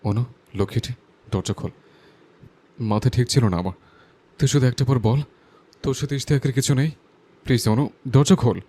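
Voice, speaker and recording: An actor playing a hot-tempered, jealous young man in an audio drama, pleading and shouting through a door. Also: mid-range voice, moderate pace, long pauses, close to an everyday voice. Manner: pleading then shouting threats.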